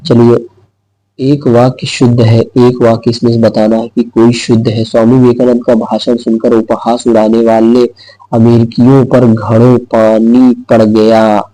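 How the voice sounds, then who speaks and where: A man's voice: medium pitch, dark tone, no echo, poor audio. A man teaching an exam-prep lesson who repeats each word and answer aloud and explains step by step.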